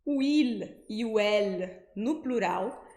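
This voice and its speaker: A Brazilian Portuguese-speaking woman teaching French pronunciation, slowing down to spell out syllables. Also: medium pitch, lively intonation, darkish tone, reverberant. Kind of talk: pronunciation lesson.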